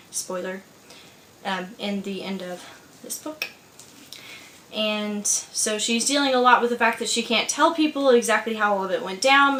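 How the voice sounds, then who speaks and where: A woman's voice: mid-range voice, a bit bright, roomy sound, a little hiss or hum, low-quality recording. A young woman chatting enthusiastically to camera about books she got, filmed at home. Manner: chatty, enthusiastic, laughs easily. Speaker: book vlogger. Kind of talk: casual chat to camera. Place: home room with candles. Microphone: camera filmed by her sister.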